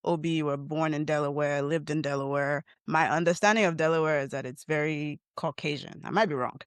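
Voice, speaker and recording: A woman's voice: low-pitched, fairly quick, clean tone, no echo. A woman hosting a podcast interview, chatty and teasing with her guests. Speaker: podcast host. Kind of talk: casual interview chat.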